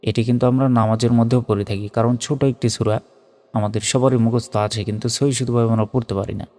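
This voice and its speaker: A man teaching Quran recitation letter by letter, moving between slow chanted recitation and plain spoken explanation. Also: medium pitch, fairly even intonation, dark tone. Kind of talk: spelled-out recitation lesson. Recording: long reverb.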